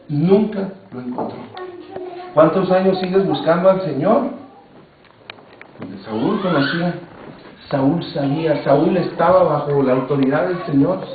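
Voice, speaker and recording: Guy preaching a sermon, kinda high voice, tinny phone-like sound, big echo, far from the mic. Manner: repeats phrases for emphasis, reads scripture aloud. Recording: tinny, very echoey, distant mic, faint noise.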